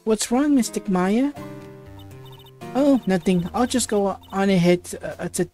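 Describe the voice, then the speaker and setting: A woman's voice: medium pitch, expressive, a little slow, warm tone, soft background music, close to an everyday voice. A woman voicing a cheerful young woman spirit medium in a game, a little hesitant. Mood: curious.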